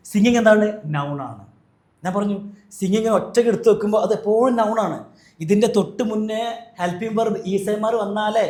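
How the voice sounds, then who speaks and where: A man whose voice sits high with a darkish tone teaches an English grammar lesson in a roomy-sounding space. He asks questions and answers them himself, repeating the key points.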